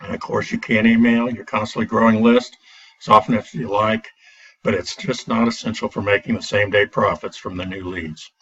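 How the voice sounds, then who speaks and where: A man's voice: fairly low pitch, little pitch movement, moderate pace, a bit bright. Man on a dull, distant laptop mic. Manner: hesitant, frequent "uh" fillers and restarts. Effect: recorded through a built-in laptop computer mic. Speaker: product reviewer. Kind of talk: casual product review. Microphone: built-in computer microphone.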